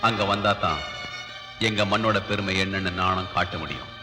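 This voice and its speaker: An actor playing an arrogant, scheming male rival who speaks in a slow, menacing, mocking way. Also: low voice, in a large hall, over music, natural voice. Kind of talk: 1990s film drama dialogue.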